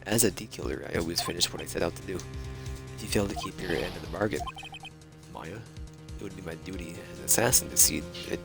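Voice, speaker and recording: A man voicing a polite, cold-blooded male assassin in a game, measured and courteous, with low pitch over game music. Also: gravelly. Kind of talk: reading game dialogue aloud.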